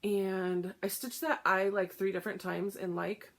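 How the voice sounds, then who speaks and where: A woman chatting casually about her cross-stitch projects, short of breath and filling pauses with "um". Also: medium pitch, little pitch movement, fairly bright tone. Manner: chatty, lots of "um" fillers. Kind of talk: casual show-and-tell chat.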